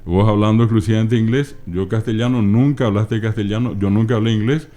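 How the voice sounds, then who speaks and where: A middle-aged Paraguayan man, a guest scholar of the Guaraní language, explains things in an interview with a Paraguayan Spanish accent. His very low voice is dark and mellow, and like a patient teacher he slowly spells out word forms, breaking words apart.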